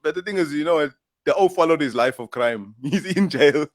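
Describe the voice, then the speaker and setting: A man's voice: a little high, animated, normal speed, dry recording, clean studio sound. A man with a Durban South African accent hosting a casual chat, laid-back and laughing along, speaking to viewers. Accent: South African English, Durban. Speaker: host.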